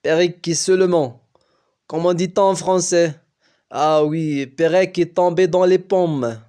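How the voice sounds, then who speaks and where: Brash coach character, loud, dismissive, slow storybook pace, voiced by a male narrator. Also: fairly high pitch, steady tone, clear, resonant tone. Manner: loud, brushing off concern. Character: pushy American male sports coach.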